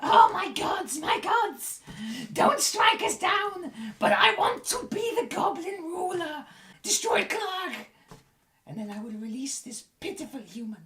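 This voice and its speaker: A man's voice: extremely high pitch, expressive, a little slow, echoey room, distant mic, a little hiss or hum, pitched above the performer's own voice, full character voice. A man voicing a scheming, desperate male goblin boss who wails and pleads. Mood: pleading. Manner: wailing, pleading, shouted.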